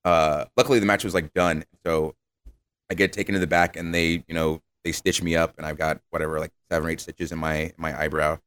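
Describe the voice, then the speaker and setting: Guy with a low voice telling stories on a podcast, does the voices of everyone he quotes. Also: brisk, clear, resonant tone. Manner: animated, acts out quoted voices. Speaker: podcast guest. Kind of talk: casual storytelling interview.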